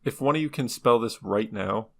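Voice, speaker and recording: A man's voice: lowish voice, normal speed, gravelly, fairly bright tone. A man presenting the topic on a casual podcast, laid-back, laughing often and swearing casually.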